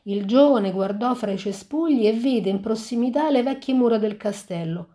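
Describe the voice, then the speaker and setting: A woman reading a fairy tale aloud and pausing to reflect on it, talking in a halting way with frequent restarts. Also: fairly high pitch, warm tone. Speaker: storyteller.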